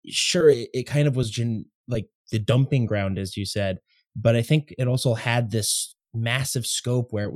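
A man hosting a podcast, chatting casually and eagerly in quick bursts. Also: medium pitch, a little mellow, no echo, clean studio sound. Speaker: podcast host.

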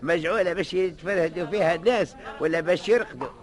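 A man acting out a cranky old Tunisian man in a vintage radio play. His voice sits high for a man, and he grumbles and mocks with quick retorts. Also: lightly acted. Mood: grumbling. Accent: Tunisian Arabic. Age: older. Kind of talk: 1950s radio drama acting.

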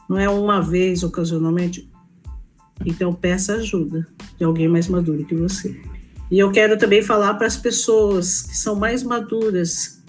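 A woman's voice: mid-range voice, darkish tone. Earnest Brazilian woman preaching. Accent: Brazilian Portuguese. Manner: earnest, exhorting, asks the listeners questions. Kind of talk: conversational sermon.

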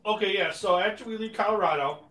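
Casual male podcast co-host, higher voice, rambling storyteller, echoey room with faint music. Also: fast talker. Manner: rambling, animated, many fillers.

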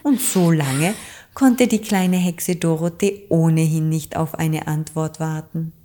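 A woman calmly narrating a children's story in a gentle, unhurried way. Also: sits low, a little hiss or hum. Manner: calm, slow, gentle narration.

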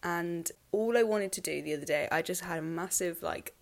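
A woman's voice: lowish voice, moderate pace, gravelly. A young woman, a university student co-hosting a podcast, rambling through a story with lots of laughter. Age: young adult. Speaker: podcast co-host. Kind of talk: casual chat.

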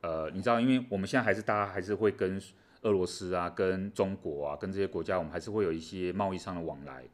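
Deep-ish guy cohosting a politics chat, lively, lots of um and you know. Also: fast. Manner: animated, explanatory, many fillers. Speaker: co-host. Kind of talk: casual discussion of world affairs.

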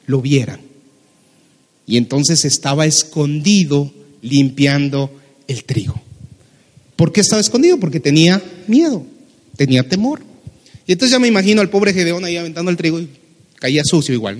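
A man, a pastor preaching a sermon, lively and humorous, acting out the people in his Bible stories. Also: fairly high pitch, big-room sound. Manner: animated, acts out Bible characters with humor.

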